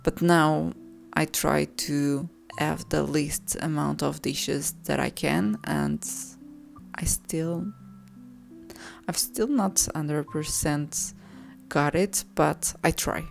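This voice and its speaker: A woman calmly narrating her home cooking video, soft and unhurried, sometimes correcting herself mid-sentence. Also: low-pitched, vocal fry. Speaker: cooking vlogger. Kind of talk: calm voice-over narration. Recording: voice-over with soft background music.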